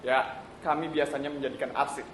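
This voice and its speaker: A man's voice: mid-range voice, fairly even intonation, fairly quick, noisy background, close to an everyday voice. An actor playing a cheerful male city official on a theatre stage, breezy and reassuring with a bureaucratic air. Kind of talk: stage play acting. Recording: roomy live stage recording.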